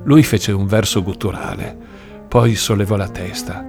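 A man's voice: lowish voice, measured pace, vocal fry. Man narrating a story over guitar. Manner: steady, storytelling, first person. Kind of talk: audiobook narration. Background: soft guitar music.

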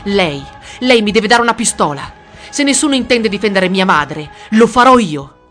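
A reader voicing a desperate teenage boy who shouts for a gun, over music. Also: mid-range voice, animated, normal speed, voice pushed up, close to an everyday voice. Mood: shouting. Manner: shouting, emotional. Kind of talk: audiobook character reading.

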